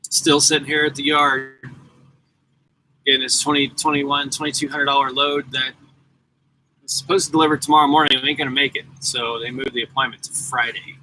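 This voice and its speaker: A man's voice: mid-range voice, little pitch movement, fairly quick, sharp tone, a little hiss or hum, rough recording. A man in his forties, a truck driver chatting casually and rambling to viewers on a live stream from his parked truck at the yard. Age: 40s. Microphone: laptop mic.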